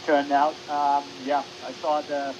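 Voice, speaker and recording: A man's voice: a little high, flat delivery, takes it slowly, dull audio. A man who is a podcast guest, explaining at length with many fillers. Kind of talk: casual podcast chat. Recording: hissy recording.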